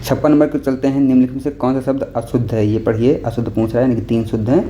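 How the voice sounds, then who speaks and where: Captured in a dull lo-fi recording with faint noise, a man speaks very fast in a mellow, mid-range voice with flat delivery. He's tutoring for an exam, patiently taking the answers in turn, repeating himself and checking in with "okay?" again and again.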